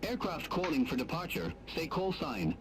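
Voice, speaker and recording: A man's voice: a little high, big pitch swings, normal speed, faint music behind. A man acting as air traffic controller, heard as a radio transmission through a pilot's headset, with clipped radio phrasing.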